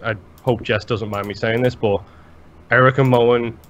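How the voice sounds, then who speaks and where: A man's voice: mid-range voice, normal speed, faint music behind. Chatty Englishman on a lo-fi podcast mic. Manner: rambling, animated, swears freely. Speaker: podcast co-host. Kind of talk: casual chat. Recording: slightly dull lo-fi sound.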